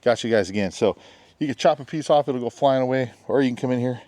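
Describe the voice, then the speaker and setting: A middle-aged man with a head cold demos a knife in his backyard, talking fast in a mid-range, dark-toned voice and joking throughout. The recording is dry, and he's chatty, tossing out "guys" and "bam" a lot in this casual product review.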